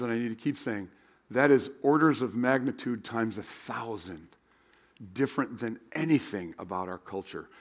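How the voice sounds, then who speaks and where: An American man preaching as a pastor in a hoarse, worn voice, speaking in a plain, conversational way. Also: mid-range voice. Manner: plain-spoken, conversational, rhetorical questions. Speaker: pastor teaching a Bible class. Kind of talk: sermon with spoken prayer and teaching.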